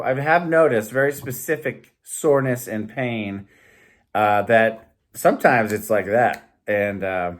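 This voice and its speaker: A man hosting a health vlog, talking casually and reading out points with rambling, jokey asides. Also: on the low side. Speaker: host of a health challenge series.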